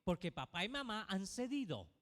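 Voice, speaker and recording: A man's voice: high voice, sing-song, normal speed, fairly bright tone. A male pastor preaching a sermon to his congregation, asking many rhetorical questions. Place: church. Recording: reverberant church hall.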